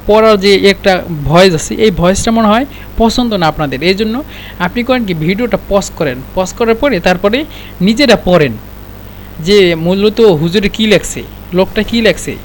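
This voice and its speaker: A man with a Bangladeshi Bengali accent teaching Arabic pronunciation in an informal spoken lesson, repeating words slowly for learners and speaking colloquially with a touch of exasperation. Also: high voice, slight background noise.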